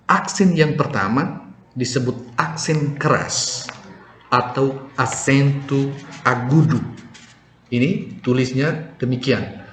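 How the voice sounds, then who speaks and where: Slow, patient male language teacher. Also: mid-range voice. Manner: patient, repeats example words slowly with stress. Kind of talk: slow explanatory lesson. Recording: echoey room, faint ambient noise.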